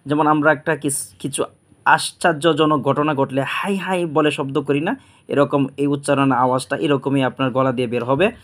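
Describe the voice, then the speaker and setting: A man teaching an Arabic alphabet lesson, explaining plainly and then drawing out each letter slowly three times. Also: medium pitch, fairly even intonation, fairly bright tone. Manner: slow, drawn-out letter demonstrations repeated three times; plain instructive explaining with frequent pious phrases. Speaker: Quran teacher.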